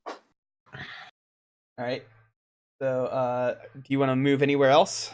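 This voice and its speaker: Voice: mid-range voice, flat delivery, slow, clean tone. Hesitant game master reading room text. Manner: hesitant, lots of ums and uhs. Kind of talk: running a tabletop game and reading room descriptions.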